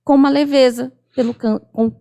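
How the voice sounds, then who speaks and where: Gravelly Brazilian woman sharing her story. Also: high-pitched, steady tone, normal speed, mellow. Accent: Brazilian Portuguese. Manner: earnest storytelling, acts out remembered dialogue. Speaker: podcast guest. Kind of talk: emotional testimony in casual chat.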